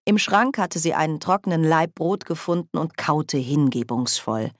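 Female audiobook narrator, low voice, dry close studio sound. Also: animated, moderate pace, dry recording. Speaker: audiobook reader. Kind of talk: scripted narration.

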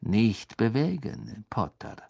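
A man's voice: fairly low pitch, very animated, slow pace, vocal fry, a little mellow, no room sound, studio quality, heavily acted. A man doing a cold, sneering male teacher.

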